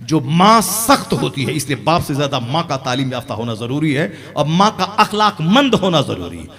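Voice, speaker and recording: A man preaching an impassioned sermon as an Islamic preacher, rising to loud emphatic peaks. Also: a little high, sing-song, normal speed.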